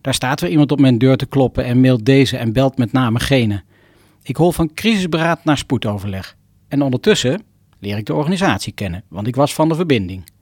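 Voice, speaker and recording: A man's voice: medium pitch, lively intonation, brisk, a little mellow, breathy edge, no room sound. Wry middle-aged man narrating, dry close sound. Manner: wry, self-mocking, terse phrasing. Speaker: rehabilitation doctor narrating his own story. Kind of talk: scripted personal narration.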